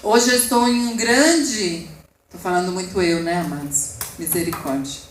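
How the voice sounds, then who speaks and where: A woman with a Brazilian Portuguese accent preaches a passionate sermon in a church hall, her voice rising and falling as she makes asides to the congregation. Her pitch is fairly low and her pace normal, with a roomy sound and background noise.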